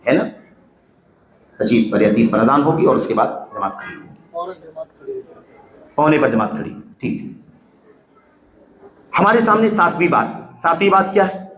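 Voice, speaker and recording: Man, preacher, high voice, emphatic sermon, rhetorical questions, reverberant hall, faint background hum. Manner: emphatic, rising to loud exclamations, rhetorical questions. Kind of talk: Urdu sermon lecture. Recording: echoey hall with faint ambience.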